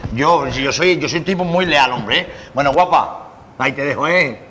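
A man playing a scheming, smooth-talking con man who puts on a Galician Spanish accent in a comedy sketch. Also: on the high side, normal speed, sharp tone, a little hiss or hum. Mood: boastful. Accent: put-on Galician Spanish. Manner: boastful, wheedling.

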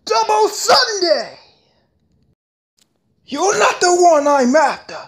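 Man doing switching impression voices of loud anime fighters. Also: extremely high pitch, very animated, slow, pitched above the performer's own voice, exaggerated voice. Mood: fierce. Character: hot-blooded anime fighters and villains, shouting and taunting.

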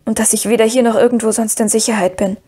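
A woman reading the part of Frodo, a worried young male hobbit who speaks hesitantly and gravely. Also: fairly high pitch, steady tone, fast talker, mellow. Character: earnest young male hobbit, burdened and anxious.

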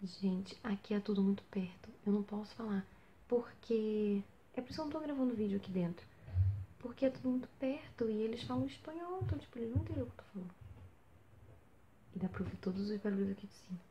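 A young woman telling a story in a casual vlog from a small basement bedroom, animated and full of rhetorical questions. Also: fairly high pitch, fast, lo-fi sound, slight background noise. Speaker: vlogger on exchange.

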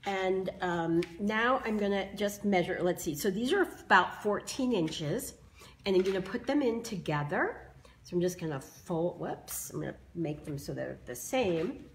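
A slightly hoarse woman demonstrating bow making in a live craft tutorial, chatting with viewers as she explains each step. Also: medium pitch, animated, unhurried, a little hiss or hum. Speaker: craft tool creator demonstrating bows.

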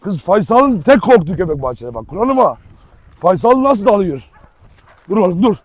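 A man with a fairly high voice talks casually to viewers and a friend outdoors. He often breaks off to shout firm commands at his dogs. The talk is loose and chatty. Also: sing-song, normal speed, dry recording. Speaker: dog owner and channel host. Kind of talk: casual vlog chat.

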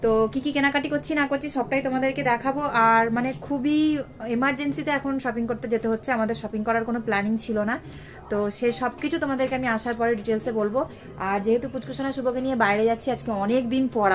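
At home indoors, a young woman from West Bengal, India, rattles off a chatty vlog in a Bengali accent, treating her viewers as friends. Her voice is fairly high and steady, and she speaks rapid-fire.

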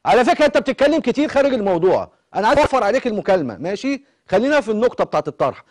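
A man's voice: sits high, very animated, rapid-fire. A male TV host with an Egyptian accent who keeps pressing a caller with insistent questions on a live call-in show. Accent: Egyptian Arabic.

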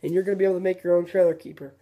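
This fishing-video host talks rapid-fire in a high voice, casually demonstrating a tackle trick one step at a time. He keeps restarting sentences, rambling along in a relaxed way and correcting himself.

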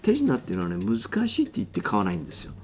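Lively older man pitching like an infomercial. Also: very fast. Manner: showman's patter, acting out sales lines and customer reactions. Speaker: magician and former sales demonstrator. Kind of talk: infomercial-style live sales demonstration with explanation. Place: small book-lined office, seated at a table. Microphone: clip-on lapel mic.

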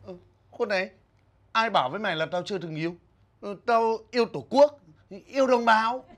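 A man's voice: sits high, a little fast, a bit bright. A young man, acting as a bossy single older brother who scolds and brags in a comedy short film. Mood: defensive. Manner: grumbling, scolding, boastful.

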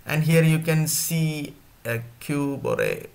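Slow-speaking teacher man. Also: a little high, huge pitch swings, vocal fry. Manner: slow, repetitive, addresses students directly. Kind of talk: online class lesson.

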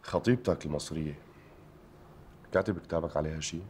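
An actor playing a calm, persuasive army captain with a Syrian accent. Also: male voice, very deep voice, quick pace, a little hiss or hum. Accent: Syrian Arabic. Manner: reassuring, persuasive. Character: calm, reassuring male captain.

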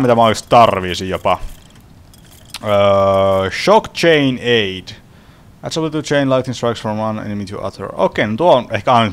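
A man's voice: fairly low pitch, a bit bright. A young man casually commenting on his own gameplay from home, swearing often and grumbling at the game. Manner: swearing, frustrated, chatty. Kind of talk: casual let's play commentary.

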